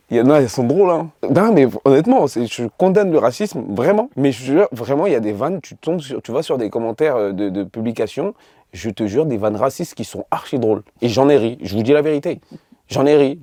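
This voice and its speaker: Comedian guest, young man from Côte d'Ivoire, warm mid-pitched voice, dry close sound, animated storyteller who acts out dialogue. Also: fairly quick, no room sound. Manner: lively storytelling, acting out dialogue. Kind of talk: casual interview chat.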